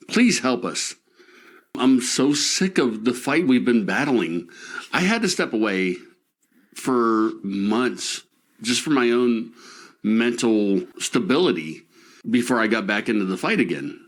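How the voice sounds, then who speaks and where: Upset guy with a lowish voice, stumbles over words, keeps repeating, begging people to help. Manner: emotional, stammering, repeats himself. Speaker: local resident speaking out. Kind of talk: impassioned personal appeal.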